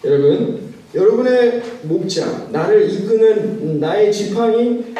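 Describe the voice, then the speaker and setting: A male pastor preaching a sermon, pausing often and putting questions to his congregation. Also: sits high, animated, dark tone, lo-fi sound. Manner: measured, with frequent "uh" pauses. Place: church sanctuary. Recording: very echoey church hall, mic at a distance.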